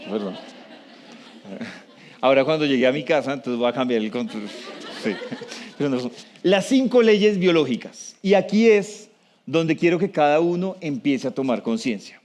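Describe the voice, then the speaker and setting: A man giving a live talk to an audience, conversational, often asking the room questions and slowing down for emphasis. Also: a little high, expressive, darkish tone, some chatter behind. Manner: slows down for emphasis.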